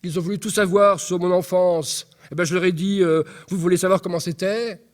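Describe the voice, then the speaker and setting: A man's voice: sits high, fairly even intonation, voice pushed up, lightly acted. A man reading as a furious, distraught young mother. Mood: outraged, agitated. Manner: raw, outraged, rapid-fire questions.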